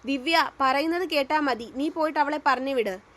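A woman's voice: high voice, moderate pace, a bit bright. A woman voicing a brusque, teasing young husband in an audio story, speaking in short commands. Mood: commanding.

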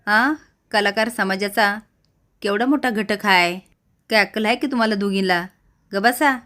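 A woman's voice: mid-range voice, normal speed, pushed and bright, close to an everyday voice. Brief: blustering older village patriarch and wrestler, scolding and bossy, read out by a woman narrator.

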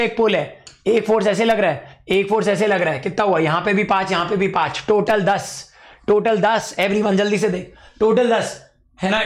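A man with a hoarse voice teaching a physics lesson in a chatty, informal way, talking straight to the student. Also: high-pitched, echoey room. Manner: chatty, informal, addresses the student directly and bluntly. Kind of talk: casual online physics lecture.

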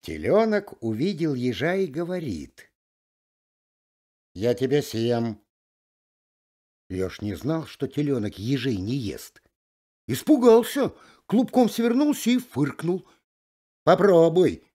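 Man, bedtime fairy tale reader, unhurried, lively rising and falling tone, fairly high voice. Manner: slow, animated storytelling. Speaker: storyteller.

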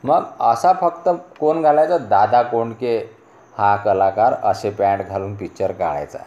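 A man's voice: on the low side, a little slow, darkish tone, lo-fi sound. Patient man teaching a story lesson. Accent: Marathi. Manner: patient, asks the class rhetorical questions. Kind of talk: explaining a school story lesson. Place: classroom lesson recording.

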